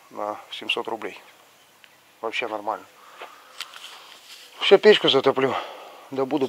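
A middle-aged man with a slushy lisp on his s and sh sounds, talking casually to a handheld camera outdoors in a village yard. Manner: slushy lisp on s and sh sounds after a pulled lower tooth. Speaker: village life vlogger. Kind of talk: casual rambling vlog chat. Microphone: action camera held at arm's length. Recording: outdoor camera audio with background noise.

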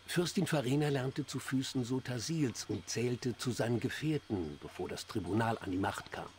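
A man playing an anxious, devout dark-elf priest in a fantasy game, speaking formally and earnestly. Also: medium pitch, moderate pace, a little hiss or hum, close to an everyday voice. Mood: explaining, faintly indignant. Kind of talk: fantasy game dialogue acting.

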